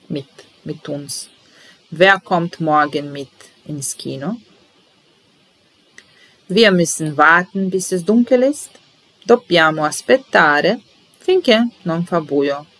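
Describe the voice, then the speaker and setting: Slow, patient woman teaching language. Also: sits low, a bit bright, low-quality recording. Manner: patient, measured, enunciating each phrase slowly. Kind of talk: slow bilingual lesson, repeating phrases.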